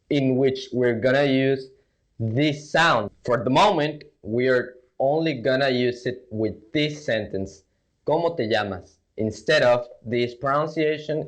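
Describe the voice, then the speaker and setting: A young Mexican man with a Mexican accent, teaching a casual language lesson and repeating words slowly for learners. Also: mid-range voice. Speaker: Spanish teacher.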